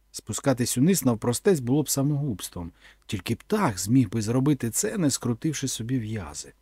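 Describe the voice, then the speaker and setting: Man, audiobook narrator, husky, lively pitch, dry close sound. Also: dry recording. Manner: expressive, dramatic. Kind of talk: dramatic audiobook reading.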